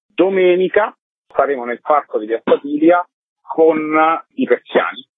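Over a muffled, narrow phone line, a theatre director being interviewed for radio explains his project. His voice is a little high and animated, yet unhurried, with no echo.

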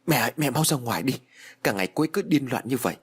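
A man voicing an evasive young husband in a spoken ghost story, talking in a hurried, defensive way. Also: mid-range voice, expressive, slightly rough.

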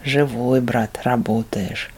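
A cheeky, swaggering monkey demon from an audiobook fantasy, tossing out rough slang with a cocky edge, as a man puts him on. He sounds rowdy and sure of himself. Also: mid-range voice, fairly even intonation, slow, a little mellow. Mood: tender.

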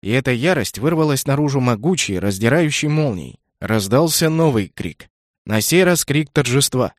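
A man narrating a fantasy audiobook in a measured, even reading. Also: mid-range voice, no room sound. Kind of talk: scripted narration. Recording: dry close studio sound.

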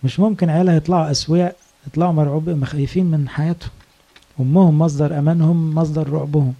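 An Egyptian-accented priest preaches in a casual, storytelling way and keeps asking his listeners questions. His voice is very dark and husky. He talks quickly. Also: a little high, fairly even intonation. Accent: Egyptian Arabic. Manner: conversational storytelling, rhetorical questions. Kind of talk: sermon.

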